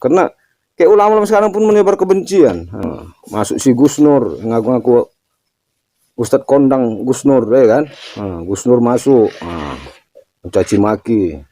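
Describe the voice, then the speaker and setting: A man's voice: mid-range voice, expressive, normal speed, pauses often, mellow, no echo. An older man giving a casual spiritual talk, telling stories and often ending phrases with a tag question. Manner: storytelling, ends phrases with "kan gitu". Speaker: religious teacher answering a question.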